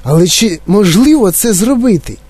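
A man's voice: high-pitched, animated, normal speed, a little mellow, husky, voice pushed up. A man voicing a brash, pushy boy obsessed with television, eager and insistent in an audiobook. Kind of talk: audiobook character voice.

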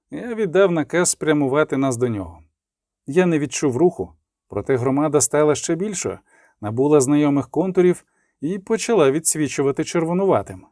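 A man reading an audiobook as narrator, with lively dramatic emphasis and the dialogue lines voiced. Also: on the high side, no echo, studio quality. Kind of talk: scripted narration.

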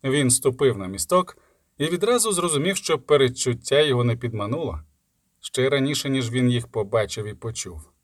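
A man reading a fantasy story aloud in steady narration. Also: mid-range voice, a little fast, no room sound, studio quality. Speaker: audiobook reader. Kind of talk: scripted fantasy audiobook narration.

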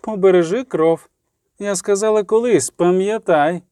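A man's voice: sits high, measured pace, dark tone, smooth, no room sound, studio quality, voice pushed up. A man voicing a stern, imperious old queen who commands and scolds in a cold, ruling tone.

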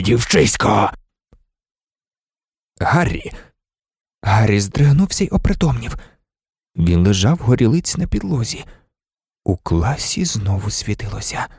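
Gravelly expressive male narrator. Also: mid-range voice, no echo, clean studio sound. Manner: expressive reading that shifts voices for characters. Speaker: audiobook narrator. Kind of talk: scripted narration.

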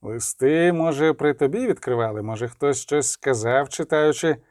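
A man voicing a cold, menacing male interrogator who speaks slowly and curtly. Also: medium pitch, a little mellow, no room sound, clean studio sound, lightly acted. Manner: slow, curt, threatening.

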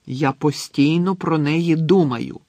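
A man's voice: fairly high pitch, expressive, unhurried, no echo. A man voicing a moody, lovesick teenage boy who sighs and pleads in anguish, reading a storybook aloud.

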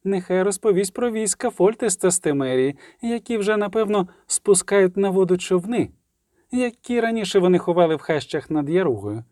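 A man voicing a calm, authoritative elder sorceress who speaks in measured, cutting sentences. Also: sits high, dry recording, clean studio sound. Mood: cool, commanding.

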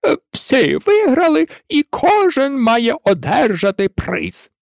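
A storyteller voicing a pompous, easily offended male turkey in a storybook reading, with slow, self-important pronouncements. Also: sits high, wildly swooping pitch, creaky, no room sound, studio quality, voice pushed up, exaggerated voice. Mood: proclaiming.

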